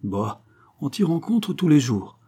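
A man's voice: fairly high pitch, sing-song, measured pace, warm tone, slightly rough, pitched above the performer's own voice, heavily acted. A man reading a teasing young nobleman. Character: kind indulgent young nobleman, teasing brother-in-law.

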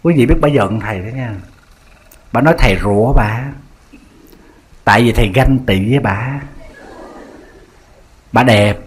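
Nhà sư giọng miền Nam kể chuyện dí dỏm. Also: male voice, medium pitch, a little slow, pauses often, husky. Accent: Southern Vietnamese. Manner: lively, teasing, anecdotal. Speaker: Buddhist monk. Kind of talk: humorous sermon storytelling.

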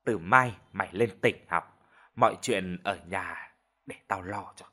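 Man doing berating old mother, shrill and fast, lively swoops, storybook. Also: slightly rough, full character voice. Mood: stern. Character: scolding older village mother, sharp-tongued.

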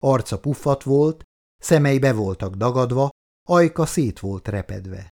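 Measured male audiobook narrator. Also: medium pitch, expressive, darkish tone. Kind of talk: scripted narration.

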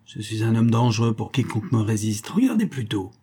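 A man voicing an angry, hulking old country doctor who bursts into loud threats, in an audiobook reading. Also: fairly low pitch, very animated, a little fast, husky, exaggerated voice. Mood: threatening.

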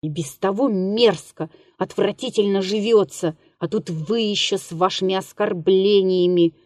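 Offended middle-aged man, indignant, bitter, slow, as a woman reads him. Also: mid-range voice, darkish tone, no echo, clean studio sound, close to an everyday voice. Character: offended, self-pitying middle-aged male landlord.

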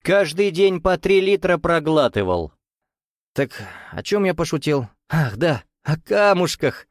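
A man's voice: fairly high pitch, sing-song, unhurried, no echo, studio quality, voice pushed up. A man doing a sly, jovial rich merchant. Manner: folksy, teasing, coaxing with veiled menace. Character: jovial sly bearded Russian nouveau-riche man.

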